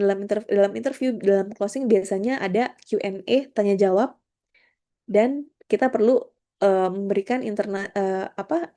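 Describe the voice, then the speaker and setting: A woman's voice: medium pitch, dark tone. A woman giving a friendly, conversational workshop on job interviews, talking through her slides. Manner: friendly, conversational, with English terms mixed in. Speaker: career trainer. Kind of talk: online workshop presentation.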